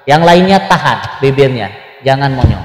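A man teaching Quran recitation online, gently correcting students and chanting short examples. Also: medium pitch, expressive, roomy sound, big-room sound, poor audio. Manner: chanting examples slowly between plain explanations. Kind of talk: online tajweed lesson.

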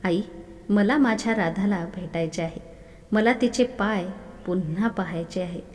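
A woman voicing a young male devotee who calls out loudly and pleads in longing, recorded with a long reverb. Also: medium pitch, unhurried, close to an everyday voice. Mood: pleading.

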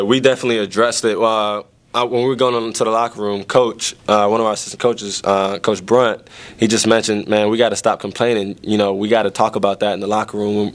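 A young man, a college basketball player, speaking at a postgame press conference at a table mic, relaxed and rambling with many fillers. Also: on the low side. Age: young adult. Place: press conference room with sponsor backdrop. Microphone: table microphone.

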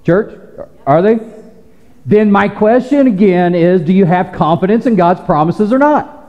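A man preaching a sermon as pastor, conversational with playful teasing asides and quick restarts. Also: high-pitched, expressive, big-room sound, dull audio. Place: church sanctuary.

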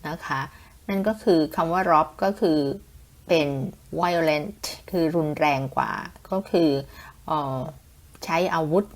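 A woman with a Thai accent, explaining English vocabulary in Thai as a podcast host, in a slow, patient way with frequent polite particles and spelled-out words. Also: sits low.

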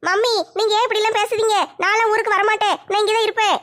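A woman's voice: very high-pitched, level tone, fast talker, a bit bright. A woman playing a stubborn young wife. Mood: pleading. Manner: pleading, whiny protests. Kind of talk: family comedy skit.

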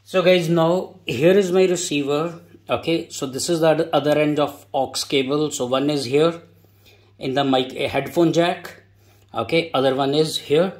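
North Indian man in an echoey room. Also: fairly high pitch. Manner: repeats phrases, tags sentences with "okay". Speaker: tech vlogger. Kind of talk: casual product demonstration to camera. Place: indoor room at home. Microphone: wireless lavalier, partly heard through a speaker. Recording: roomy, distant mic, music behind.

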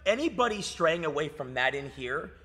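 A man's voice: fairly high pitch, big pitch swings, normal speed, bright, forceful tone, breathy edge. Hyped, swearing fitness coach man. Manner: hyped, swearing, lots of "dude" and "like". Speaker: fitness coach and gym owner. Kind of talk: casual podcast chat. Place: gym lounge, indoors. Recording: reverberant gym room.

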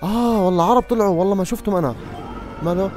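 A young man giving excitable live gameplay commentary, often exclaiming at surprises, with game music behind him. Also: high-pitched, very fast. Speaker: gaming youtuber.

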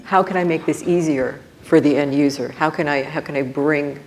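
A woman speaking as a panelist on a conference stage, in a measured, reflective way. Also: deep voice, a little mellow. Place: conference stage before an audience.

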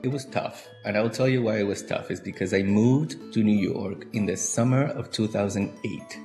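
Ecuadorian-accented man, 40s, reflective interviewee on webcam, guitar bed clearly under him. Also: on the low side, moderate pace. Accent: Ecuadorian Spanish. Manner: relaxed, reflective, frequent restarts. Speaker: marketing director. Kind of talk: interview to camera. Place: home room by a window.

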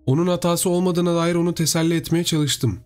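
A man's voice: fairly high pitch, fairly even intonation, brisk, soft background music. Man narrating a horror story.

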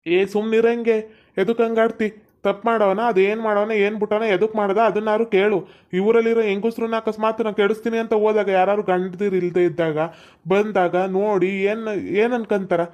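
A woman's voice: mid-range voice, fairly even intonation, moderate pace, a little mellow. Woman with north karnataka accent, dull sound. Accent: North Karnataka Kannada. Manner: scolding, pleading, dialect-heavy. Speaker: village skit performer. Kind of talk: scripted village comedy-drama.

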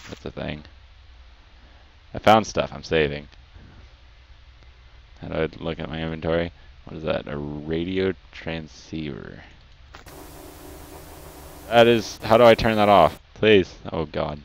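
A man's voice: very deep voice, unhurried, vocal fry, pauses often. A young man giving casual, nervous commentary as a scared horror game streamer, muttering to himself. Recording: dull lo-fi mic, light background noise.

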